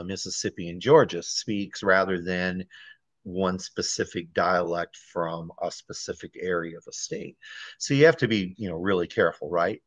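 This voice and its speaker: A man from Wisconsin, a guest editor and author, explaining writing craft in a relaxed conversational interview and often checking in with "right?". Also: deep voice, no room sound. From Wisconsin, USA.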